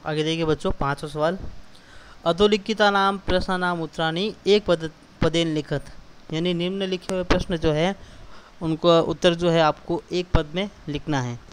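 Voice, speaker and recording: A man's voice: on the high side, steady tone, normal speed, a little hiss or hum. A male teacher patiently explaining a school exercise to children, glossing each word and repeating key terms.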